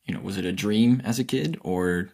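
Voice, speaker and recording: A man's voice: fairly low pitch, normal speed, a little mellow. A man hosting a podcast, asking questions casually and hesitantly, restarting phrases often. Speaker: podcast host.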